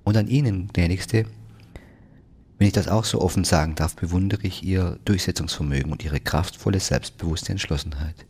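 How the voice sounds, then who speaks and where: A man with a gravelly, husky voice voicing an overly polite middle-aged male train passenger who heaps flowery flattery on others. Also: low voice, moderate pace. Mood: flattering.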